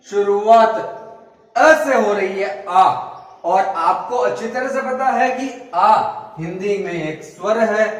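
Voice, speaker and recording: A male teacher giving a grammar lesson, patiently spelling words out letter by letter. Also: high voice. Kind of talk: classroom lesson explaining grammar. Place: classroom or school room. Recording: echoey room, voice from far off.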